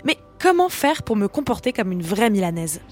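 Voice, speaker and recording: A woman narrates her travel video with lively curiosity, her voice sitting at an ordinary pitch. Faint music plays underneath. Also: normal speed. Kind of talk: scripted narration.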